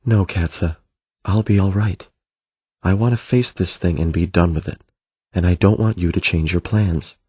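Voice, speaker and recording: A man voicing a gentle, thoughtful young prince in an audiobook, soft-spoken and reflective. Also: low voice, moderate pace, breathy edge, no room sound. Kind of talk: audiobook character voice.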